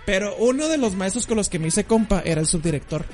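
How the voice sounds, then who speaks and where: A young Mexican man co-hosting a podcast, telling school stories in slangy, animated casual chat. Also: sits high, fast, soft background music. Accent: Mexican Spanish. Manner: slangy, animated, acts out voices in anecdotes. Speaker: podcast co-host.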